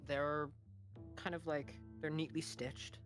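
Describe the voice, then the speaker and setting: A woman's voice: deep voice, level tone, takes it slowly, faint music behind. A woman narrating as game master of a tabletop game, chatty and giggly as she sets the scene.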